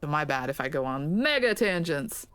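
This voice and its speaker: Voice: mid-range voice, very animated, normal speed, fairly bright tone, clear, resonant tone. A let's play streamer from Louisiana chatting casually in a tangent-prone, self-deprecating way, swearing and laughing often. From Louisiana, USA. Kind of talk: casual rambling commentary.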